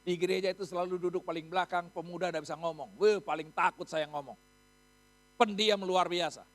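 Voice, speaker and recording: A man from Indonesia preaching a sermon in a church, quizzing the congregation and swelling to loud emphatic peaks. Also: high voice, fairly even intonation, a little fast. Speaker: pastor. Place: church hall.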